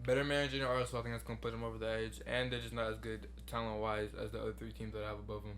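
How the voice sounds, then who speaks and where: Fast-talking man in a sports debate. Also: lowish voice, little pitch movement, fairly bright tone, a little hiss or hum. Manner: fast, insistent, talks over interruptions. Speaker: podcast co-host.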